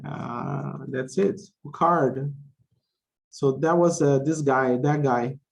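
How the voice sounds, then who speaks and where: A mid-range, gravelly male voice delivers an English conversation lesson slowly, with the highs cut off. The teacher explains simply, goes back over key phrases, and asks check questions to see whether the class understands.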